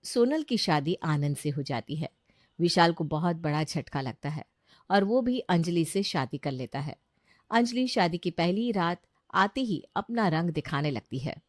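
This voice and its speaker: A woman narrating a children's cartoon story in a lively, animated storytelling voice that moves a lot in pitch. Her delivery is scripted and clear. The recording is close and completely dry. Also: measured pace, no echo. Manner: expressive storytelling.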